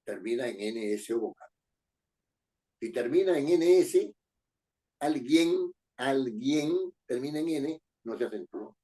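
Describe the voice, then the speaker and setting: A man's voice: medium pitch, expressive, normal speed, dark tone. A man teaching a class, explaining rules and repeating key phrases while he asks the students questions. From Peru. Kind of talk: spoken lesson on writing and accent marks.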